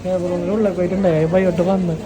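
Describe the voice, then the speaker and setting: A woman's voice: on the low side, little pitch movement, racing. Woman vlogging over heavy crowd noise. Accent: Kasaragod Malayalam. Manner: peppers Malayalam with English words. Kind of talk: casual vlog narration to viewers. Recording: very noisy crowd and vehicle surroundings.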